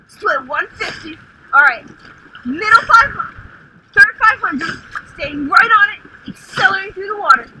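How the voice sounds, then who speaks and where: A young woman coxswain in a rowing shell, calling clipped, rhythmic stroke commands through the boat speaker, building to urgent shouts on the power pushes. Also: very high voice. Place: outdoors on the water in a rowing shell. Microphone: coxswain headset mic. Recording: noisy outdoor coxswain headset recording.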